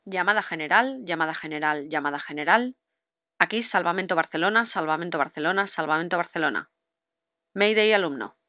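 A woman instructor recites formal marine radio calls using set procedural wording. Her fairly low voice is animated and brisk, captured in a dry, dull lo-fi recording.

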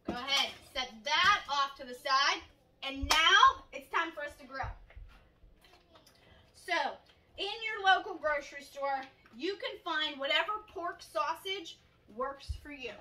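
She's in her thirties, hosting an easygoing cooking show from her own kitchen and talking through each step in a chatty, upbeat way. The voice is high, bright and forceful, never rushed. A camera across the counter captures her from afar, so the kitchen sounds echoey.

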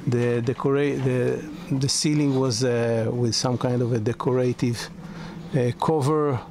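Slow-talking man touring a sailboat. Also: medium pitch, steady tone, vocal fry, darkish tone. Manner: halting, many fillers and restarts. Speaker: yacht broker. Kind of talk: walkthrough tour. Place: inside a sailboat cabin. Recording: noisy ambience.

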